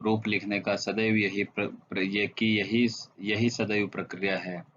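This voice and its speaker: A man teaching a Sanskrit grammar lesson online, reciting verb forms in a slow, measured way. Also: fairly low pitch, level tone, a bit bright, dull audio, slight background noise.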